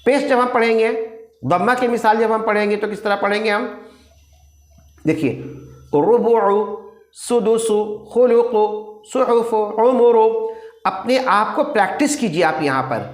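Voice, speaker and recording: A man's voice: sits high, a bit bright, reverberant. A man teaching Quran recitation, saying sounds one by one and asking his students questions. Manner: repeats words slowly, asks students questions. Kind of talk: online recitation lesson.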